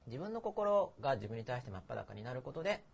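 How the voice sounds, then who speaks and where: A man's voice: medium pitch, sing-song, fairly quick, creaky, slightly rough. A middle-aged man hosting a casual podcast chat, rambling and poking fun at himself as he explains his ideas. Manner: rambling, self-deprecating, laughs at himself. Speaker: host.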